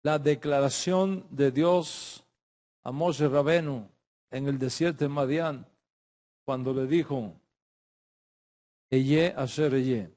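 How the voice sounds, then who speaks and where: A man's voice: mid-range voice, slow pace, long pauses, darkish tone. A middle-aged man teaching a religious class, emphatic, repeating phrases and restarting his sentences. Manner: speaks in Spanish with Hebrew religious terms.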